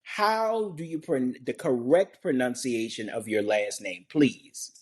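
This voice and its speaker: A man's voice: mid-range voice, slow. A man hosting a podcast interview, introducing his guest with enthusiasm and asking questions. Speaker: podcast host.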